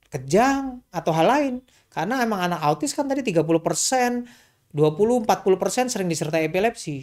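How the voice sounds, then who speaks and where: A man, a doctor, answering parents' questions in a casual, chatty way, often repeating a question back before he answers it. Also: high-pitched. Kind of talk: casual explanatory Q&A talk.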